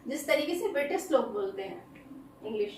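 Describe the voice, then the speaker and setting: A woman with an Indian accent teaching English words in Hindi, spelling them out letter by letter and reading example sentences very slowly. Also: high voice, lively intonation, a little mellow, roomy sound, far from the mic, a little hiss or hum, poor audio. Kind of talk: Hindi-English vocabulary lesson.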